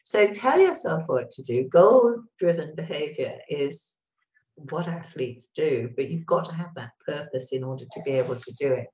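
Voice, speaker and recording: A woman talks an online audience through her presentation with a lively, up-and-down delivery. The sound comes through a video call, dull and lo-fi with a roomy echo around her voice. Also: low-pitched, moderate pace. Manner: animated, acts out little voices. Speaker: webinar presenter. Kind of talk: presentation talk.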